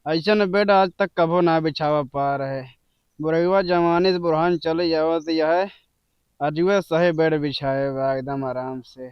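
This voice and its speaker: A man's voice: on the high side, steady tone, measured pace, clear, resonant tone, dry recording, lo-fi sound, close to an everyday voice. A man playing a drunk old villager who grumbles and rambles in an Awadhi accent, in an amateur rural comedy skit. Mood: drowsy, content. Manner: town drunk, rambling and muttering to himself. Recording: noisy amateur location sound.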